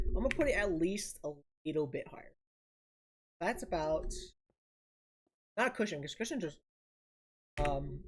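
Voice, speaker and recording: A woman's voice: deep voice, noisy background. A woman streaming a building game, casually thinking aloud and muttering each step to herself. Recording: audible keyboard typing and clicks.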